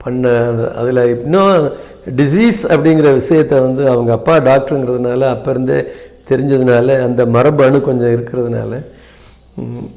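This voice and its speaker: Man, 70s, interview guest; measured, hesitant delivery with fillers and occasional English phrases. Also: medium pitch, dark tone. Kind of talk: reflective interview talk.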